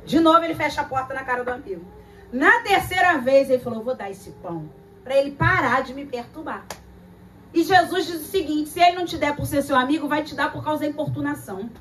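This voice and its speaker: A Brazilian woman preaches a lively sermon with a high voice, acting out the people in her stories and hammering phrases through repetition. She is picked up from some distance away, with a faint hum of noise behind her. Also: fast talker. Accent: Brazilian Portuguese. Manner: dramatic storytelling, acting out voices and repeating phrases. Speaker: pastor.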